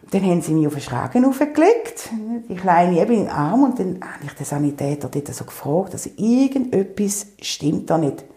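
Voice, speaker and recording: A woman with a Swiss German accent tells a personal story in a casual, animated way, often laughing and acting out her own past words. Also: mid-range voice. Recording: echoey room.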